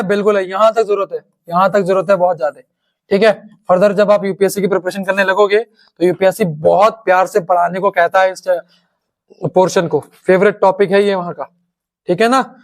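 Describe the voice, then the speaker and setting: A man teaching a science lesson, firing quick questions at his students and answering them himself. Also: high voice. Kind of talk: online class lecture.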